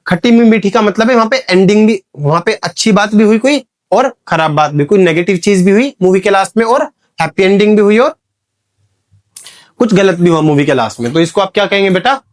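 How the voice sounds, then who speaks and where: A man teaching English grammar in an exam-prep lesson. He asks the students questions and answers them himself, and he reads the examples slowly while sounding out the letters. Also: high-pitched, animated. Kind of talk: exam-prep classroom lecture.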